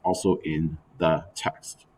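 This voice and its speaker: A male teacher giving a recorded lecture in a conversational way with asides, his voice going hoarse. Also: a bass voice, little pitch movement, takes it slowly, a little mellow, slight background noise. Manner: conversational, with frequent fillers and asides. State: losing his voice.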